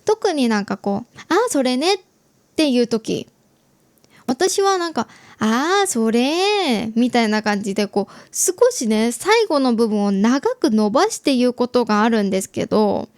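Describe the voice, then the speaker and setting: A young adult Japanese woman hosting an easy-Japanese learning podcast, explaining gently and chatting with listeners. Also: on the high side, big pitch swings, moderate pace, no echo. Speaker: podcast host teaching Japanese.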